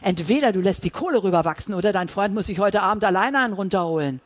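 A man's voice: very high-pitched, animated, a little fast, no echo, studio quality, pitched above the performer's own voice. A reader voicing Sid, a threatening young male drug dealer, harsh and menacing, in an audiobook.

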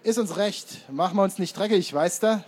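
A man voicing a tall, cocky blond teenage boy who talks brashly and loudly in an audiobook. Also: on the high side, sing-song, fairly quick, slightly rough, pitched above the performer's own voice.

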